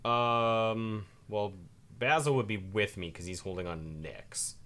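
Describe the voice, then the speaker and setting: A man's voice: fairly low pitch, measured pace, a bit bright. A man chatting casually as a player in a tabletop role-playing game.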